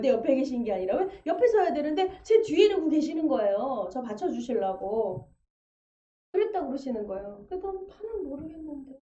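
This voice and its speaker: A woman with a high but mellow voice preaches a testimony from a church pulpit, telling her story with vivid detail and acting out the voices she quotes. The sound comes through a dull livestream feed. It echoes around the sanctuary, with a faint murmur of the room behind her. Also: slight background noise. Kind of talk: testimony sermon.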